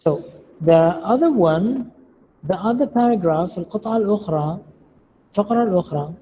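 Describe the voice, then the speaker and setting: A patient lecturer talks slowly and deliberately in a mellow, soft-edged voice. The speaker pauses to put questions to the class. The voice carries a long reverb through a large room, with faint noise behind it. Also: medium pitch, lively intonation. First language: Arabic. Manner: patient, slow and deliberate, quizzing students. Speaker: English lecturer.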